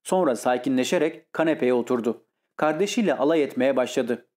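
A man narrating a classic short story as an audiobook in a steady storytelling delivery. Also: mid-range voice, fairly quick. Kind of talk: scripted literary narration.

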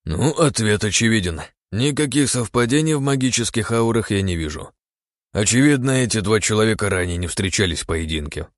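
A man's voice: lowish voice, lively intonation, no room sound, studio quality, natural voice. Man doing a fussy gray-haired expert. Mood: musing. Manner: mumbling, drawn-out.

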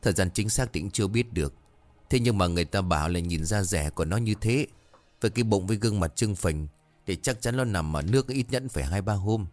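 A man voicing a calm old grandmother. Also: deep voice, fast, no echo, soft background music. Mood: soothing. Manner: gentle, reassuring storytelling.

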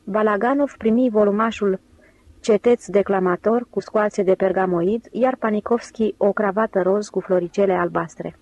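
A woman narrating an audiobook in an even, steady reading voice. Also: medium pitch. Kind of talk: scripted narration.

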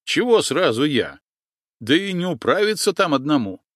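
A man voicing an indignant, hotheaded young Cossack in an audiobook, loud and protesting. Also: on the high side, very animated, moderate pace, no room sound, clean studio sound, pitched above the performer's own voice. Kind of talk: audiobook character voice.

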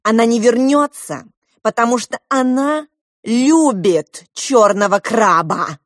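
A woman reading an audiobook, voicing an emotional young woman who shouts in a high, shrill voice. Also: animated, a little slow, dry recording, studio quality, close to an everyday voice. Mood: cold. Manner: shrill, cries out angrily.

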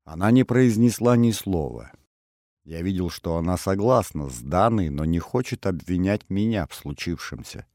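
A man narrating a first-person novel in an expressive reading voice, close to the microphone. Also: deep voice, normal speed, no echo. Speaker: audiobook narrator.

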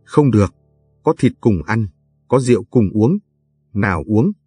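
A man's voice: on the low side, lively intonation, normal speed, dark tone, breathy edge, faint music behind. A man doing a crude, bragging mountain warlord. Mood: boastful. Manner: blustering, coarse, bragging.

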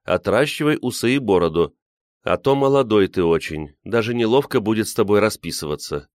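A man reading an audiobook, voicing a sharp-tongued, bitter young woman who mocks her friends. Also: lowish voice, animated, brisk, no room sound, studio quality, pitched above the performer's own voice, close to an everyday voice. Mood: mocking. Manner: mocking, biting.

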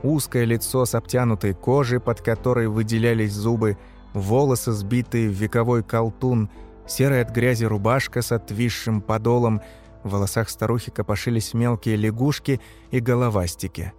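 A man reading a story aloud in measured, scripted narration. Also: medium pitch, fairly even intonation, darkish tone, soft background music. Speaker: audiobook narrator.

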